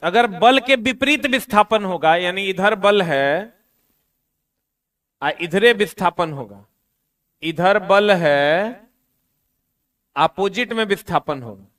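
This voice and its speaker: High-voiced unhurried teacher. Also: male voice, lively intonation. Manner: chatty, teasing students, drops to quiet asides. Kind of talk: classroom science lecture.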